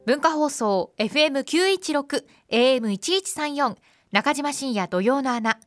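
A woman's voice: high voice, animated, unhurried, no echo, studio quality, faint music behind. A woman reading a scripted radio station announcement. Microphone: studio microphone.

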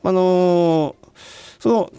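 A man teaching communication skills in a studio interview, explaining with many drawn-out fillers. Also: high-pitched, warm tone, clean tone.

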